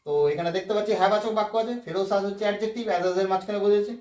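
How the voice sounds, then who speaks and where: A man with a high-pitched voice teaching a grammar lesson, walking through each rule patiently and pausing often to ask whether his students follow. He sounds set back from the mic in an echoey room. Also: steady tone, darkish tone, far from the mic. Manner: explains step by step, often asks "right?". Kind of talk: Bengali-language grammar lesson.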